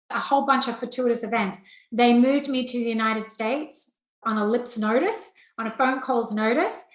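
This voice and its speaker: In an echoey, roomy recording, a middle-aged investment banking executive from rural Australia gives a plain, candid interview in her Australian accent. Her pitch is fairly high and her tone fairly bright.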